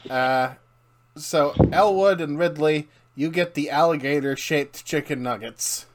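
Higher-voiced man running a tabletop game. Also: unhurried. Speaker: game master. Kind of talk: casual improvised tabletop game narration.

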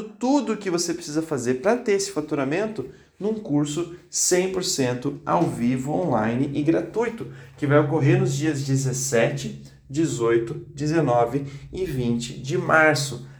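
A man's voice: fairly high pitch, animated, a little slow, few pauses, echoey room. A man hosting a motivational podcast for teachers, talking insistently and repeating phrases for emphasis, a little congested with a cold. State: slightly congested with a cold, occasional coughs. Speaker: podcast host coaching teachers.

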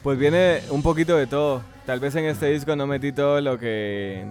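A young man from Guatemala with a Guatemalan Spanish accent, a musician guest talking in a relaxed, slangy, hesitant way. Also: mid-range voice, moderate pace, soft background music. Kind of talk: casual interview chat.

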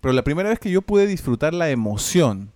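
Relaxed man, dry close sound. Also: on the high side, brisk, dry recording. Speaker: voice actor and teacher. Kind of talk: casual chat.

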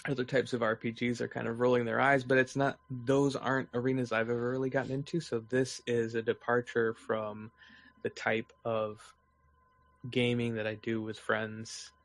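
A man co-hosting a gaming podcast in casual chat, measured and thoughtful, with frequent restarts. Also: medium pitch, flat delivery. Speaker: podcast co-host.

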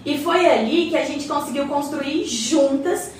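Speaking at a measured pace in a high pitch, this Brazilian woman takes the role of a knowledgeable, encouraging neighbour in casual radio drama. She patiently explains things and speaks to her neighbour respectfully, and the audio is distant, echoey, and slightly noisy.

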